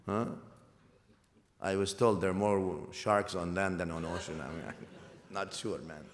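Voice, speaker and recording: Male preacher, animated sermon delivery, recorded with long hall reverb. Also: sits low. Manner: animated, swinging from loud to soft, tag questions.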